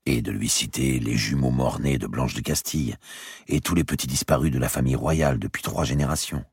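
A man narrating a historical novel as an audiobook in a measured, expressive storytelling manner. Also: very deep voice, husky, no room sound, clean studio sound.

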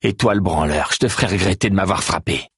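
A man's voice: low-pitched, quick pace, fairly bright tone, breathy edge, no room sound, clean studio sound, exaggerated voice. A man voicing a brutal, crude male thug in an audiobook, spitting insults with a sneer. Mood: sneering menace.

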